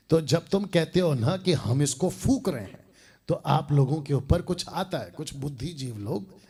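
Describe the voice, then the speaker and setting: Husky, animated, mocking male preacher. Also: a little high. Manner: scornful, mocking, laughs between points. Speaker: pastor and Bible teacher. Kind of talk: combative preaching message.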